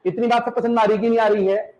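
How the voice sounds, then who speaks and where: A male teacher from the Uttarakhand hills gives a classroom lecture, repeating words slowly for students to copy and often checking that they understand. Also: very high voice, fairly even intonation, a little mellow, poor audio.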